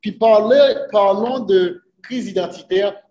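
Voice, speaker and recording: A man's voice: high-pitched, slow pace, mellow, highs cut off. A man preaching a sermon to his congregation, earnest, often putting rhetorical questions to them. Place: church sanctuary. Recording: echoey church room.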